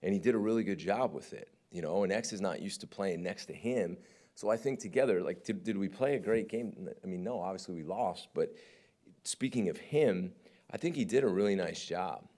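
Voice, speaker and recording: Male defensive coordinator, very deep voice, frank press-conference talker. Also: expressive, a little fast, dark tone. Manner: candid, conversational, often asks "right?".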